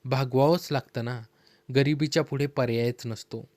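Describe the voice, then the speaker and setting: A man reading a quiet young village widow. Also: mid-range voice, steady tone, normal speed, lightly acted. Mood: resigned. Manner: soft, resigned replies.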